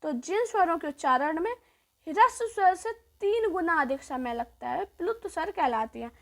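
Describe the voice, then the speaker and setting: Lady teacher with a really high voice, keeps repeating stuff, drags out the sounds so you can copy them. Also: expressive, vocal fry. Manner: repeats points, asks and answers her own questions; draws out sounds slowly. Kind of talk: grammar lesson.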